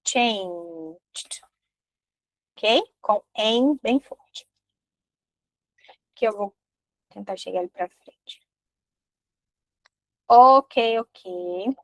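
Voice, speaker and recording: A young woman with a Brazilian Portuguese accent teaching an online English lesson in a lively way, slowing down to model English words carefully. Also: a little high, dry recording, low-quality recording.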